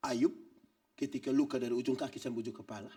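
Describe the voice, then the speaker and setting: A man preaching a church sermon, animated and joking, acting out little scenes. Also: medium pitch, fast talker, far from the mic. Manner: animated preaching with acted-out quotes and jokes. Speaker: pastor.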